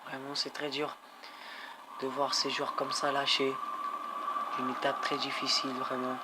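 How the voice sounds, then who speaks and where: A man playing a cycling game, commentating excitedly, swearing and cheering his riders on. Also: mid-range voice, a little slow. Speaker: gamer. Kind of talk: let's-play commentary. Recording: background noise.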